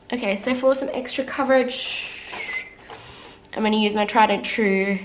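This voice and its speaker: In a makeup tutorial, a young woman beauty vlogger chats candidly and casually, poking fun at herself now and then. She's a little congested as she gets over the flu. Her voice is medium-pitched, and there is slight background noise.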